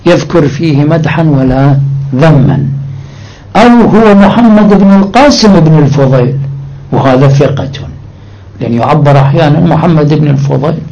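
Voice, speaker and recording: A man's voice: fairly high pitch, gravelly, darkish tone, muffled recording. A man teaching a seminary lecture on jurisprudence, who explains point by point and reads his sources aloud. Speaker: religious scholar teaching jurisprudence.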